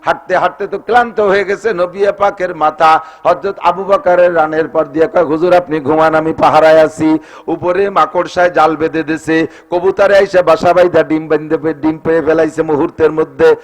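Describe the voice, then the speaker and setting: A male preacher from Bangladesh, delivering an Islamic sermon that moves between slow chanted verse and impassioned preaching. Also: a little high, steady tone. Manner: chants verses in a slow singing tone, then shouts in climaxes. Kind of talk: sung and spoken Islamic sermon.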